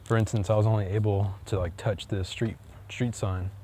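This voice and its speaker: A man's voice: on the low side, little pitch movement, moderate pace. A man vlogging outdoors on a walk, talking in a rambling, hesitant way full of fillers and restarts. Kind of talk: casual chat while walking. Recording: loud wind noise on the mic.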